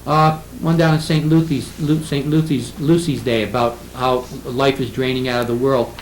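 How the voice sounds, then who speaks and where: A man's voice: mid-range voice, level tone. Older man lecturing in an echoey room. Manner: halting, many fillers and restarts; reads verse lines slowly and with stress. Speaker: literature professor. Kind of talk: classroom lecture. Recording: echoey room with faint ambient noise.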